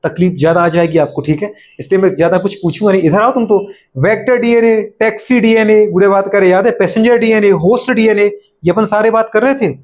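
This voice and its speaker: A man with a Hindi accent teaching biology in a high, light voice. He keeps firing questions at the class and answering them himself, with playful teasing along the way. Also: brisk, darkish tone. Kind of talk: classroom lecture.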